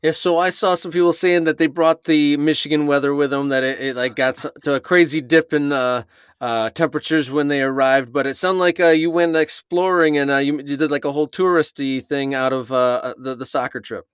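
Male sports podcast host, smooth voice, halting conversational delivery, very dry sound as if recorded inside a closet. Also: fairly high pitch, fairly even intonation, no room sound. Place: small closet under the stairs.

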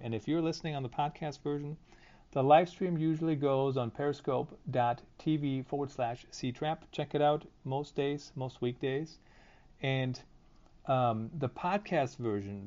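A man's voice: medium pitch, a little mellow. A man hosting a casual solo live stream, thinking aloud informally, recorded through phone headphones used as a mic. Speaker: podcast and live stream host. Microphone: phone headset, headphones used as mic. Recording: dull lo-fi phone headset audio.

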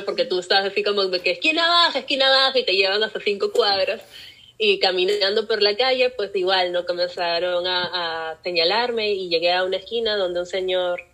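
A woman's voice: mid-range voice, rough recording. A young woman with a Peruvian Spanish accent, telling her own story as a guest in an interview and acting out the voices she quotes. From Peru. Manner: animated, acts out voices in quoted speech. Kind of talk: personal storytelling in a podcast interview.

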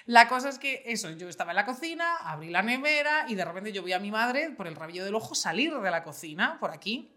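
Bright, lively young woman. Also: medium pitch, quick pace, hardly any pauses. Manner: animated storyteller, acts out her own panic. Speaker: podcast host. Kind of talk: casual chat.

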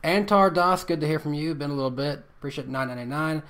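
A man's voice: on the high side, quick pace, a bit bright. A man hosting a casual live stream, reading viewer messages aloud and often stammering on repeated words. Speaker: podcast host reading super chats.

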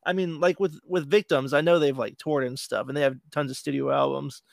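A man from Florida, a podcast guest and band member, talking in a relaxed, easygoing casual chat. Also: fairly high pitch, a little fast, gravelly, no room sound, studio quality.

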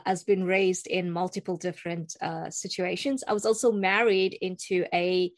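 A woman's voice: mid-range voice, no echo. A young adult woman from South Africa, a cross-cultural communication coach, talking earnestly as a guest in a casual interview with some ums and restarts. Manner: earnest, with filler words and restarts.

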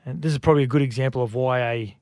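An Australian man giving opinionated sports talk as a rugby league pundit, thinking aloud in a halting way. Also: medium pitch, a little mellow, no room sound, studio quality.

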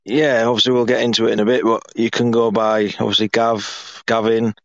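A man with a hoarse, croaky frog-in-the-throat voice, hosting a casual sports podcast. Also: medium pitch, flat delivery, fairly quick, no echo, lo-fi sound. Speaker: podcast host.

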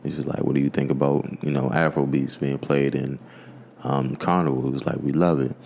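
Very deep, gravelly-voiced man chatting. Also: a little fast, a little hiss or hum. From United States. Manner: relaxed storytelling with many fillers. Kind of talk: casual conversation.

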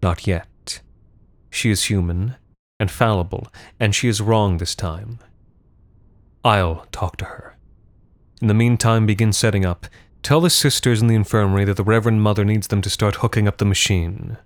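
A cold, manipulative woman in her sixties, voiced by a male audiobook narrator, murmuring softly with quiet menace. The voice sits very low and deep, and the recording is close and dry, with no room sound. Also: normal speed, no echo, natural voice. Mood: commanding. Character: commanding sixty-something woman, cold and manipulative.

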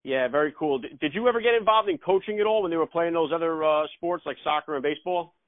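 Male podcast host, very quick pace, slightly high voice, casual interviewing, tinny phone-like sound.

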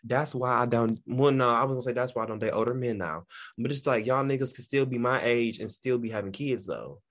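Animated slangy podcast co-host, man. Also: mid-range voice, brisk. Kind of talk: casual chat.

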